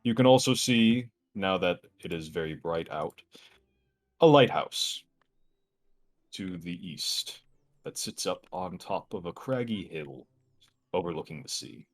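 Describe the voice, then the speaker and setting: A man runs a tabletop game as its game master. His voice sits fairly low, and he lays out each scene in a measured, descriptive manner. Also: lively intonation.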